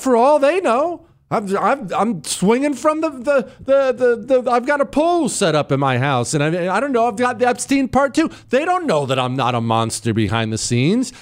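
A middle-aged man delivers a comic radio monologue as the show's host. His voice sits a little high for a man and moves widely in pitch. He is emphatic and mock-exasperated, pausing for drama and repeating phrases to press the point. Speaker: radio talk show host.

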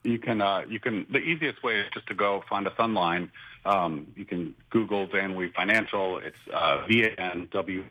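Low-voiced guy calling into a radio show, lo-fi phone line that keeps chopping off his words, uh-ing along. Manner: relaxed, halting with fillers. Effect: choppy phone line, words cutting out. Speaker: radio co-host. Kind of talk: casual radio talk. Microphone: phoning in.

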